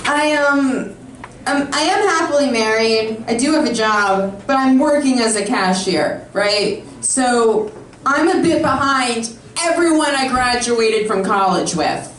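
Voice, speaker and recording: A fairly bright, somewhat high voice at a measured pace belongs to a woman in her thirties doing sarcastic, brash stand-up. Recorded from a distance in an echoey comedy club, it carries slight background noise and the laughter of a live audience.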